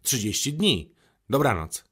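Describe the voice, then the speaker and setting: A man's voice: mid-range voice, big pitch swings, measured pace, fairly bright tone, breathy edge, pitched above the performer's own voice, full character voice. A man voicing a weary, dutiful lamplighter who sounds resigned.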